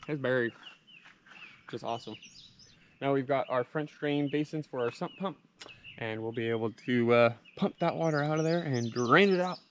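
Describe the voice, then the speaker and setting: A man's voice: medium pitch, normal speed, a little hiss or hum. A man in his thirties co-hosting a casual outdoor vlog, enthusiastic and easygoing, filmed on a handheld camera. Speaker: vlog co-host. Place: outdoors at a rural building site.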